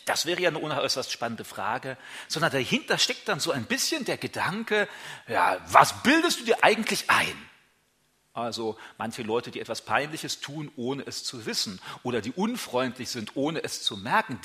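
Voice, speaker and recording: Lively, bright-voiced man preaching. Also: mid-range voice. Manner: lively, asks listeners rhetorical questions; acts out quoted speech with a raised voice. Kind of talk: conversational sermon.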